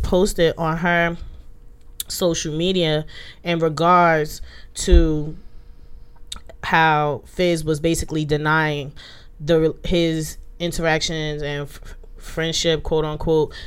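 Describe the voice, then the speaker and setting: A woman hosting a podcast in a casual, chatty way with lots of fillers. She is a bit under the weather and sounds somewhat monotone. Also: low voice, clean tone. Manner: loose, chatty delivery with many fillers. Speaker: podcast host. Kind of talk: casual chat.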